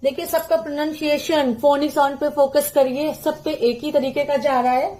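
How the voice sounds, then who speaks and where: A woman giving a patient phonics lesson, sounding out syllables slowly for parents and teachers to repeat to children. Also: high voice, fairly even intonation, warm tone.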